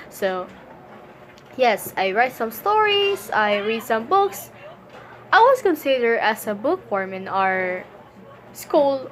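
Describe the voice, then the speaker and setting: Fairly high-voiced, stuffy-nosed woman doing a giggly, rambling Q&A vlog. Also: a bit bright. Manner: rambling, self-correcting, giggly. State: stuffy runny nose. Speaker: vlogger. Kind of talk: casual Q&A vlog.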